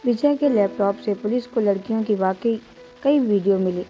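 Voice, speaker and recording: A woman tells an emotional first-person story with earnest feeling. Her voice is mellow and soft-edged. Faint background music plays under her narration. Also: medium pitch, moderate pace, rough recording. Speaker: storyteller and channel host.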